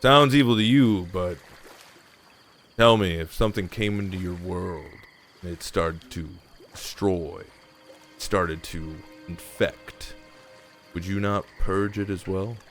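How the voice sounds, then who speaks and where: Man acting as cocky zealot captor, tabletop game, low voice, interrogating, defensive, music underneath. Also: slow, long pauses. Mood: indignant, righteous. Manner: interrogating, defensive, self-righteous. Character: cocky zealous male captor questioning his prisoners.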